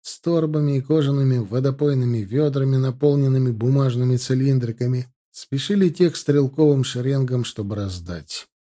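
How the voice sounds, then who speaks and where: A man narrating a historical war novel in a steady storytelling manner. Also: medium pitch, normal speed, hardly any pauses. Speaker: audiobook narrator. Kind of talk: scripted narration.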